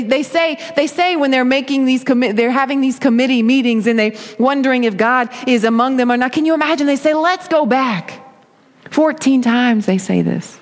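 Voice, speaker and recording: A high-pitched woman preaching a sermon, her voice ringing out with a long hall reverb. She builds her points through repetition into a rising preacher's cadence, in a church sanctuary lined with chairs.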